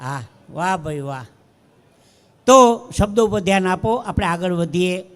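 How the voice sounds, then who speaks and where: A man's voice: high-pitched, unhurried, big-room sound. A man in his sixties with a Kathiawadi accent, telling jokes and stories on stage at a live fair show. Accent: Kathiawadi Gujarati. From Dwarka, Saurashtra, India. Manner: storytelling with punchlines, acts out voices. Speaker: stage comedian. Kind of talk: live stand-up joke telling. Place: outdoor fair stage before a crowd.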